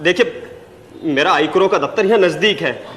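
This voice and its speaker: A man's voice: a little high, moderate pace, fairly bright tone, in a large hall, lightly acted. An actor playing a flustered young scooter rider stopped by police, hesitant and stammering as he pleads. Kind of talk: amateur telefilm acting.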